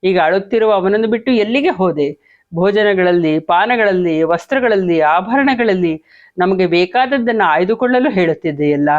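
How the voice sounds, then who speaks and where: A man's voice: high voice, lively intonation, a little slow. A man voicing a distraught young prince in an emotional reading, on a dull lo-fi recording. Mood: wailing. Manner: wailing then indignant.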